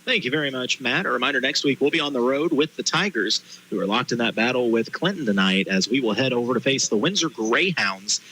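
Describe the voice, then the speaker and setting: A man hosting a live high school sports halftime show from a booth, chatting and giving promos. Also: expressive, fairly quick, hardly any pauses, bright, forceful tone, slight background noise, low-quality recording. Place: stadium press booth.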